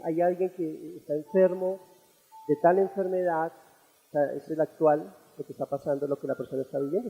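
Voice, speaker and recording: A Colombian man preaching as pastor, teaching earnestly and rising to loud, fervent passages. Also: on the high side, muffled recording. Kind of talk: sermon. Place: church auditorium. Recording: echoey church hall.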